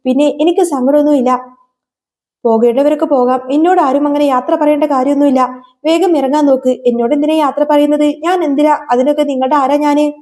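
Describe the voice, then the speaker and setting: A woman's voice: sits high, fairly even intonation, fairly quick, dark tone, lightly acted. A woman voicing a sulky, hurt young woman in a retold serial story, talking curtly. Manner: curt, sulky.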